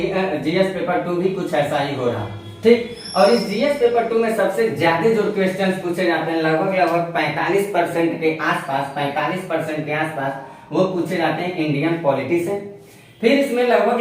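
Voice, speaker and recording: A male exam-prep teacher giving a whiteboard lecture and explaining each point step by step, repeating key as he writes. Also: fairly high pitch. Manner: repetitive, explains step by step while writing on a board. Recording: very echoey room, mic at a distance.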